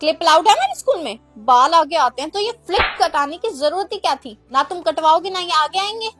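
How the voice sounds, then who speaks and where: Harsh strict schoolteacher, as a woman acts her out, scolding, threatening, very high voice, comedy skit. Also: lively intonation, a bit bright, soft background music. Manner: scolding, threatening, rapid-fire questions.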